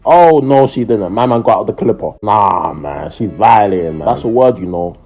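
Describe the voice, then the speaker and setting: Young man, low bright voice, London roadman accent, casual voice-over banter. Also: animated, normal speed. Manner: roadman slang-heavy delivery. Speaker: commentator. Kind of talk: casual comedic voice-over commentary.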